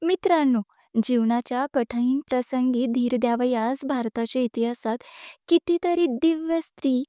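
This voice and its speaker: A woman storyteller reading a story aloud in an expressive, measured way. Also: sits high, smooth, no room sound, clean studio sound. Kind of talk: storytelling narration.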